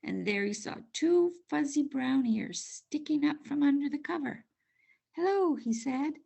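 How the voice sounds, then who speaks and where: An older woman narrating a children's storybook aloud in an expressive, measured way. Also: sits high, vocal fry. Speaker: storybook reader.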